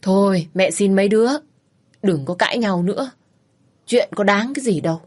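A woman's voice: mid-range voice, moderate pace, a little mellow, lightly acted. A woman voicing a worried older mother-in-law who begs everyone to stop fighting. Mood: pleading. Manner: pleading, urging.

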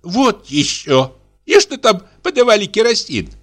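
A man voicing a stingy, scolding spinster woman in a shrill, nagging tone. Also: sing-song, a little slow, fairly bright tone, faint music behind, exaggerated voice. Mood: sharp.

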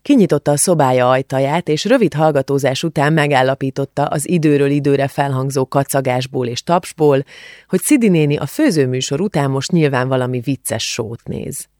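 A woman narrating a novel in an audiobook, in a calm, measured storytelling manner. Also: rumbling low, no echo, studio quality. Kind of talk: scripted narration.

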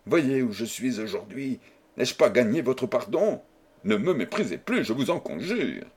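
A man's voice: mid-range voice, big pitch swings, unhurried, a little mellow, husky. A man reading aloud, voicing a proud, desperate husband who pleads fervently with his wife in a storybook. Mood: pleading. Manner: fervent, imploring.

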